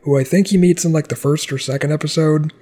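A man co-hosting a podcast in casual chat, explaining things in quick, chatty bursts. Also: fairly high pitch, steady tone, warm tone. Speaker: podcast co-host.

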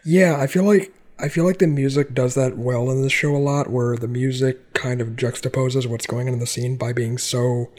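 A man co-hosting a relaxed podcast conversation. He explains things in quick, chatty bursts, sprinkled with fillers. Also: medium pitch. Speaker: podcast co-host. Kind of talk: casual chat.

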